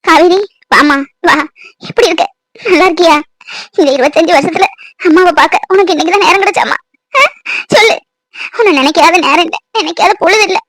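Casting: a woman playing an elderly grandmother who is reproachful but forgiving and a little preachy, in a high voice. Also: a little fast, long pauses, fairly bright tone, dry recording. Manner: scolding yet tender, preachy. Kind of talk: cartoon voice acting.

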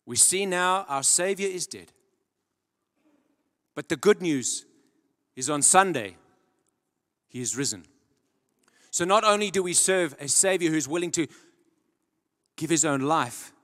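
In this sermon, a young man speaks a little slowly and pauses often, yet stays animated. His fairly high voice climbs to loud, emphatic highs before sinking low and quiet. He uses a handheld mic on a large church stage, and a long hall reverb follows each phrase.

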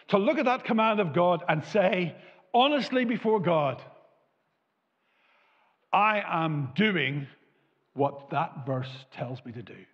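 An older man preaching in a church, his fairly high voice carried on a long hall reverb. He moves animatedly between loud, emphatic peaks and soft, quiet asides, and the recording sounds a little dull and muffled. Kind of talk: sermon. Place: church hall with a lit tree behind a lectern.

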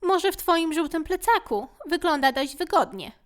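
Woman doing a squeaky timid little fear creature. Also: animated, normal speed. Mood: whiny. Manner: whimpering, squeaky, meek. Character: tiny timid polite pale-purple fear creature.

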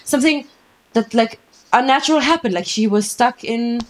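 A woman's voice: a little high, normal speed. A young woman in casual reaction chat, informal and repeating words for emphasis as she talks. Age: young adult. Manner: informal, emphatic repetition, filler "like". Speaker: reaction video co-host. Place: small room at home, indoors. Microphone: shared microphone on a boom arm in front.

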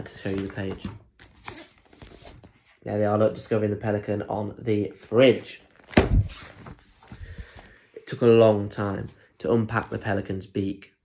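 With a lowish, fairly flat voice, a British primary school story reader in his twenties goes unhurriedly through a children's story, pausing often, yet staying playful with chatty asides and questions. Background noise is audible on the arm's-length phone or tablet recording from a plain room at home.

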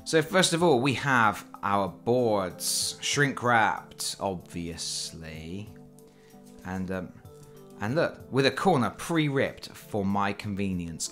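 A man with a cold hosts a board game channel, chatting casually through an unboxing while talking over his hands at an indoor table. His voice is on the low side and a bit bright, and he's self-deprecating, with plenty of fillers.

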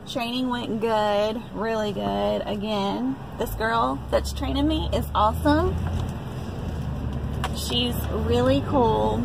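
A young woman talks to her phone camera from behind the wheel, chatty and rambling, with plenty of ums. Her mid-pitched voice has a gravelly fry to it. Loud road noise hums under everything. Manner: chatty, rambling, upbeat, many fillers. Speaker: vlogger. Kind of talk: casual chat to camera. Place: inside a car on the road.

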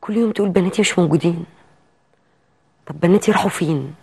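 A woman's voice: lowish voice, fast talker, vocal fry, dark tone, breathy edge. An Egyptian woman hosting a talk show, firm and reassuring as she narrates and questions a guest. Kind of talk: TV presenter narration.

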